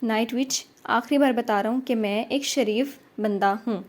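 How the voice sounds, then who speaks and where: A woman's voice: a little high, lightly acted. A woman reading as a stern young police inspector. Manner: firm, a little indignant.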